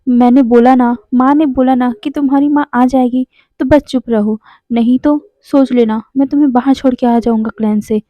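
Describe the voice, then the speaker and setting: Cold young man, curt and stern, read by a high-voiced woman narrator, dry lo-fi recording. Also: steady tone, normal speed, no room sound, lightly acted. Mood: scolding. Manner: curt, scolding commands.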